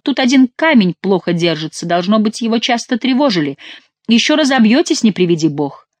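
A woman's voice: fairly high pitch, big pitch swings, fairly quick, no room sound, pitched above the performer's own voice. A woman voicing a mocking, ironic young male nobleman in an audiobook, with a teasing, mock-polite manner.

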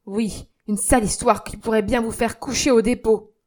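A woman reading aloud voices a stern young man who gives orders and threatens in a loud, commanding tone. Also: fairly high pitch, fairly even intonation, normal speed, natural voice. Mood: menacing. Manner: commanding, menacing.

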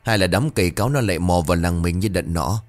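A man's voice: deep voice, fast talker, no room sound, faint music behind, lightly acted. A man voicing a worried older village wife who keeps asking questions.

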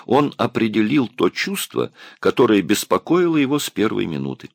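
Low gravelly male audiobook narrator. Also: normal speed, dry recording, clean studio sound. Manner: expressive storytelling. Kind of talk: scripted narration.

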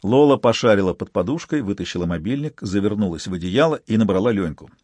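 A man narrating an audiobook in a lively, expressive storytelling manner. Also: fairly low pitch, fast talker, no room sound. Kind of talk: scripted narration.

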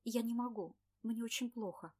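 A woman's voice: a little high, moderate pace, mellow, close to an everyday voice. A woman reading an audiobook, voicing an indignant, pleading young pregnant office worker. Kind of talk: audiobook character voice.

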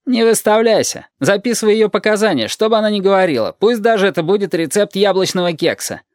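The reader voices a gruff, impatient police inspector who grumbles orders to a junior officer in an audiobook. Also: male voice, sits high, animated, fast talker, dry recording, studio quality, pitched above the performer's own voice. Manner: grumbling, bossy.

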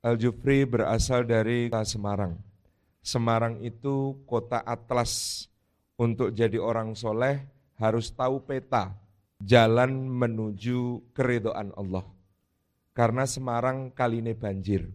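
A man's voice: medium pitch, darkish tone. Man from Jogja preaching with wordplay. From Yogyakarta. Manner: wordplay, formal greetings. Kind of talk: sermon at a mosque gathering.

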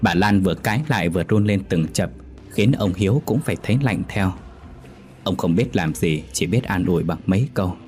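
A man narrating a scripted ghost story in a steady, measured way. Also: deep voice, soft background music.

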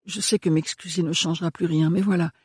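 A soft, hesitant young woman murmuring her words, timid yet earnest, as a male audiobook reader puts her on. The voice sits higher than his own and stays husky, in a dry, close recording. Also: fairly even intonation, fast talker, no echo. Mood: contrite.

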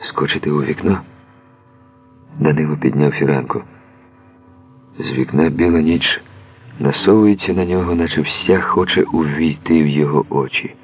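A man narrates a novel in a measured, expressive literary reading. His very deep, husky voice comes through a tinny, narrow radio recording.

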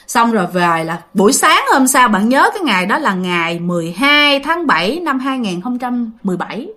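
A woman's voice: fairly high pitch, fairly bright tone. A woman telling a ghost story casually and animatedly, repeating words for effect and talking straight to her listeners.

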